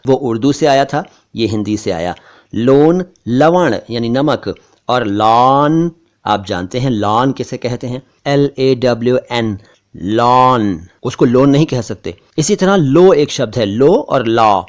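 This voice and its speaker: Male language teacher, patient and methodical, mid-pitched voice, repeats every example word. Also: a little mellow. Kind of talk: explaining word pronunciation.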